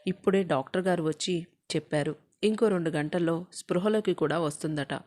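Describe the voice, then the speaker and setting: A woman voicing a caring grown son who calmly reassures his mother. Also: on the low side, a little fast, natural voice. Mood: reassuring.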